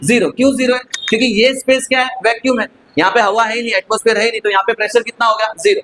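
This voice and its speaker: A man's voice: very high-pitched, steady tone, rapid-fire, a bit bright, a little hiss or hum, poor audio. A male physics teacher giving a classroom lecture, constantly asking the students questions and answering them himself, with English terms mixed into his explanation.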